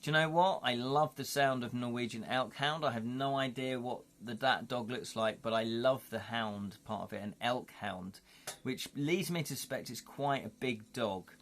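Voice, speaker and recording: Speaking at normal speed in a mid-range, somewhat bright voice, a livestream host from the United Kingdom chats casually with his viewers. He rambles and thinks aloud, with lots of "you know".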